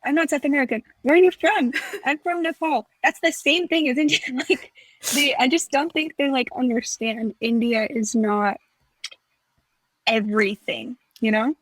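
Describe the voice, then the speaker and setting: At a moderate pace and in a high voice, a young adult woman chats casually as a podcast co-host, using lots of fillers. She performs quoted bits of past conversations. The recording lacks echo but is low in quality.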